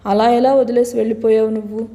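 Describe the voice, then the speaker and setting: A woman's voice: on the high side, level tone, fast talker, warm tone, close to an everyday voice. Woman reading a tearful, scolding mother. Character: distraught middle-aged mother, tearful. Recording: long hall reverb.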